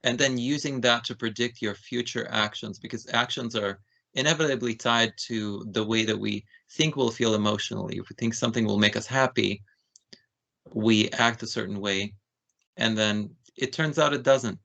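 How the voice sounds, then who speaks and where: A man's voice: fairly low pitch, fairly even intonation, normal speed, creaky, fairly bright tone. A man co-hosting a podcast, explaining ideas in a casual, conversational way. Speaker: podcast co-host.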